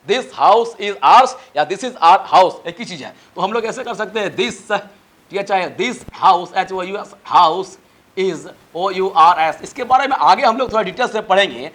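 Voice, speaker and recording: A man with an Indian accent teaching spoken English, spelling words letter by letter and drawing out his English examples slowly, urging students to memorize. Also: sits high, expressive, a bit bright. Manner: lecturing, exhorting students to memorize. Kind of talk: spoken English lesson in Hindi.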